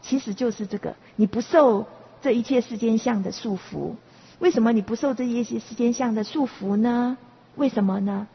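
A woman's voice: on the high side, moderate pace, creaky, breathy edge. A woman teaching a Buddhist class, explaining patiently and repeating herself, with many checking questions to the students. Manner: patient, explaining with frequent rhetorical questions and repetitions. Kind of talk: dharma class lecture. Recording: reverberant, muffled lo-fi recording.

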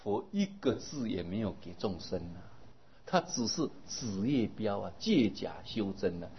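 A man giving a Buddhist dharma sermon, explaining at length and trailing many phrases with a drawn-out particle. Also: lowish voice, sing-song, a little hiss or hum. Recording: dull lo-fi recording.

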